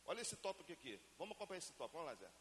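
A man from Brazil preaching a lively sermon to a congregation and asking them to answer him. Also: fairly high pitch, rapid-fire. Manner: acts out family scenes in everyday voices. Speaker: pastor. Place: church hall. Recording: reverberant church hall, faint hiss.

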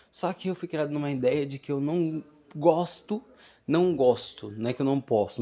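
A young man chats through a casual solo podcast at an ordinary middle pitch. He rambles, loses his thread and keeps circling back with fillers. The home recording sounds somewhat dull and lo-fi. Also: dark tone. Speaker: podcast host.

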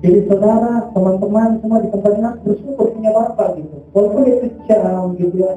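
A man's voice: high-pitched, steady tone, fast talker, dark tone, dull audio, soft background music. A man giving a casual sermon testimony, talking in short phrases with constant filler tags, recorded from far off in a very echoey hall.

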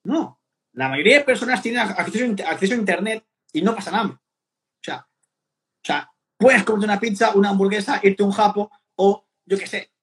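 A man's voice: sits high, moderate pace, fairly bright tone. A young man from Spain, a fitness coach talking bluntly in casual slang and acting out what other people say. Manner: blunt, slangy, often acts out quoted remarks. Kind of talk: casual podcast conversation.

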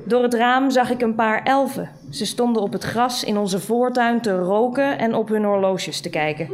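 A woman reading a literary short story aloud in a measured, dry storytelling manner. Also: fairly high pitch. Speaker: reader.

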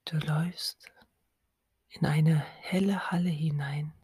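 A woman whispering a slow, soothing guided hypnosis close to the mic. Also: low-pitched, fairly even intonation, a little mellow, slightly rough, dry recording.

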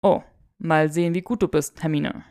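A mischievous young wizard, played by a woman, speaks in a lowered, forceful voice. He sounds teasing and showy, with a gravelly edge and a dry, close recording. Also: fairly even intonation, normal speed, no room sound. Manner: teasing, showy, mock-indignant.

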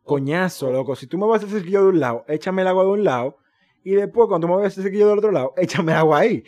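A young man with a Dominican Spanish accent tells stories in a loose, slangy way on a casual podcast. His pitch jumps up and down as he gets worked up, and he swears freely. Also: very fast. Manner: animated, slangy storytelling with swearing. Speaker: podcast co-host. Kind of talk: casual chat.

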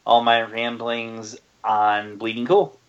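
A man's voice: medium pitch, level tone, slow, clear, resonant tone, highs cut off. A man co-hosting a podcast, playful and often laughing in casual chat. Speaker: podcast co-host.

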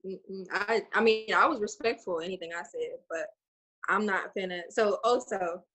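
A woman's voice: mid-range voice, normal speed, fairly bright tone, poor audio. A woman in casual podcast chat, telling stories bluntly and with animation. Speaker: podcast co-host.

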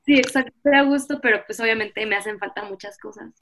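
A woman's voice: a little high, quick pace, fairly bright tone. A woman in her twenties with a Mexican accent, talking casually as a guest in a podcast interview. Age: 20s. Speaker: podcast guest, visual artist.

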